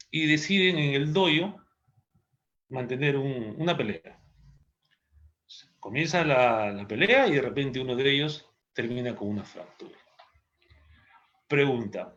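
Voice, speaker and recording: A man's voice: fairly high pitch, fairly bright tone. A man giving an online law lecture, acting out quoted dialogue in raised voices. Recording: dull lo-fi audio.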